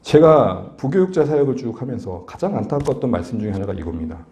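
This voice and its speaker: A male pastor preaching a sermon, asking the congregation questions and building to animated emphasis. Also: medium pitch, fast, roomy sound. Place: church sanctuary.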